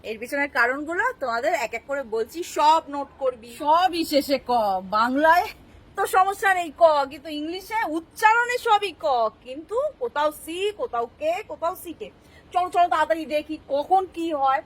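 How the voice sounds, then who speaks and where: A woman's voice: sits high, normal speed, poor audio. A woman teaching English spelling rules, patiently explaining and checking that the class understands.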